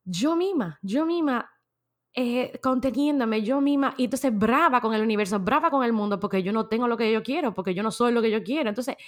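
A woman's voice: fairly high pitch, brisk. A woman with a Dominican accent hosting a motivational podcast. She talks in an emphatic, conversational way, leans on filler words and laughs often. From Dominican Republic. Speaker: podcast host.

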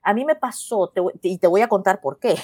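A woman's voice: mid-range voice, expressive, moderate pace, dark tone, no echo. A middle-aged woman from El Salvador, a poet talking casually in an interview, thoughtful and restarting her sentences, ending points with a questioning tag. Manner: thoughtful, with frequent restarts and "¿no?" tags.

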